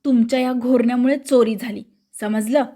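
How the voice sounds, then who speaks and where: A woman reading the part of a brisk, bossy young male police inspector who questions everyone sharply. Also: fairly high pitch, fairly even intonation, mellow, natural voice. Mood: stern.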